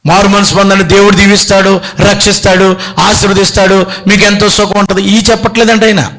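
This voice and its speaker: A middle-aged man preaching a sermon, telling stories with acted-out voices and swings between loud pleading and quiet speech. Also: sits high, fairly quick. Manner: animated storytelling, acts out voices, pleading shouts. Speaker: bishop preaching.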